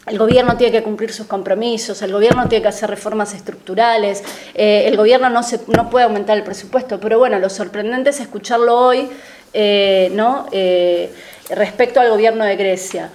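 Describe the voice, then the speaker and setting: A woman from Argentina, giving a political talk to an audience. She speaks analytically and measuredly, pausing often with hesitation fillers. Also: mid-range voice, steady tone, darkish tone, slight background noise.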